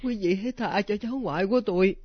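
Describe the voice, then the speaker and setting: A woman's voice: mid-range voice, fast, no echo, natural voice. A woman playing a pious, frantic grandmother in her sixties in a radio drama, praying aloud and wailing in panic. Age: 60s. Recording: dull lo-fi old radio recording.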